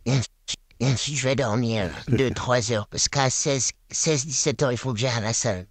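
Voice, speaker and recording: A man's voice run through a pitched-up trickster voice changer, with a slow, drawn-out delivery. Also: no room sound. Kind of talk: demo clip for a video editing tutorial.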